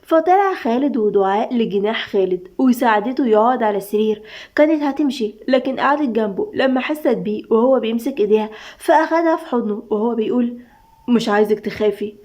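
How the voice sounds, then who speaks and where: Fast-reading Egyptian woman storyteller. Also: on the high side, expressive, darkish tone. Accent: Egyptian Arabic. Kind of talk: reading a serialized novel aloud. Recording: dull lo-fi recording.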